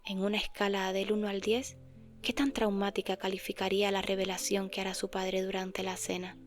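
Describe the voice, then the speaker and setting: A woman voicing a mysterious phone caller who asks calm, polite survey questions in a hushed, half-whispered voice. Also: medium pitch, a little fast, soft background music, close to an everyday voice. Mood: eerily polite.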